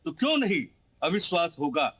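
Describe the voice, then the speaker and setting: A man's voice: fairly high pitch, sing-song, normal speed, a bit bright, slightly rough, low-quality recording. A man arguing heatedly as a panelist in a TV news debate, talking over the others. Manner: combative, talks over others.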